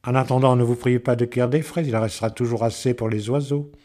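A man voicing a sly, charming male fox who talks slowly and sweetly in a storybook reading. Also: medium pitch, steady tone, dark tone, lightly acted. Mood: reassuring. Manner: slow, honeyed and falsely friendly.

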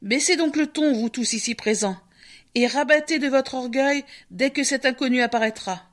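A woman's voice: sits high, moderate pace, natural voice. Old wise raven, voiced by a woman, solemn and preachy, storybook. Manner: solemn and lecturing.

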